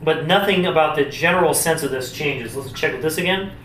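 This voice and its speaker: Higher-voiced man teaching casually, roomy sound. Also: a little fast. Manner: informal, explanatory, thinking aloud. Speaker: brass instrument teacher demonstrating warmup exercises. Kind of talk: casual instructional talk to camera. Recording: roomy, distant mic with faint noise.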